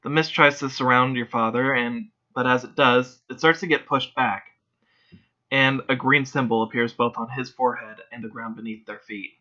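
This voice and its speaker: A man narrating a tabletop role-play as game master in a steady, descriptive storytelling manner. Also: mid-range voice, normal speed, lo-fi sound.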